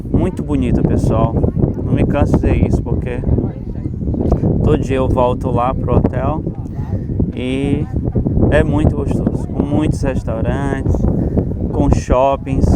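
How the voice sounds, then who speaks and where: A man casually narrating a travel vlog while walking around outside, chatting to his viewers like a tour guide. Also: medium pitch. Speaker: travel vlogger. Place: outdoors at a hilltop statue and cable car, city. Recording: loud outdoor noise and wind.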